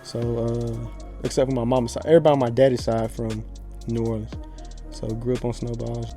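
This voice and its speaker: Laid-back man, mellow voice. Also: mid-range voice, little pitch movement, brisk, soft background music. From Pensacola, Florida. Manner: laid-back, slangy, rambling storyteller. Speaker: podcast guest. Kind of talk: casual podcast chat.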